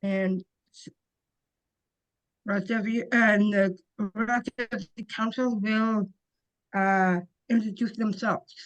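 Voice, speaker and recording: A woman from Ontario leads a council webinar over a video call. She speaks slowly and carefully in a mid-pitched voice, reading from prepared notes. Now and then she stumbles and restarts a word. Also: fairly even intonation, lo-fi sound. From Ontario, Canada. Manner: slow and careful, with small restarts. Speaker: webinar host, council member.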